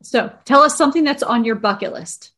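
A woman's voice: on the high side, a little fast, fairly bright tone. A woman hosting a casual interview, asking questions in a friendly, upbeat manner. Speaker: interview host.

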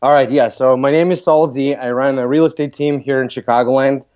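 A man's voice: mid-range voice, fairly even intonation, brisk, darkish tone, smooth. Lithuanian-accented man, businesslike. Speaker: podcast guest, real estate broker. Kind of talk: interview answers.

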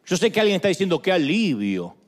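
A man's voice: high voice, fast talker. A man preaching a sermon, joking and acting out little dialogues. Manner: animated, jokes, acts out dialogues. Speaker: pastor. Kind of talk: sermon with humorous stories.

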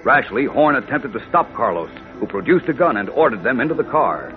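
A man's voice: medium pitch, sing-song, brisk, music in the background. A man narrating a 1940s radio serial as its announcer, in a dramatic, scripted style. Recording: tinny old radio recording.

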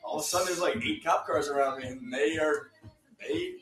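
A man's voice: a little high, fairly quick, fairly bright tone. A young man telling a story with laughs in a casual group chat. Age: young adult. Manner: laughing storyteller, loose and joking. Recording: echoey room, mic at a distance.

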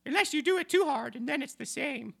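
Woman, podcast producer, dry joking asides, gravelly, bright. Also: sits high, lively intonation, fairly quick, no room sound. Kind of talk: improvised comedy banter.

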